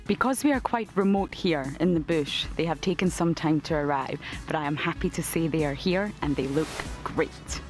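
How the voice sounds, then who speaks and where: A woman's voice: low-pitched, normal speed, hardly any pauses, faint music behind. A woman working as a safari guide, presenting to an audience. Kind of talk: presenting to camera. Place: outdoors in remote African bush.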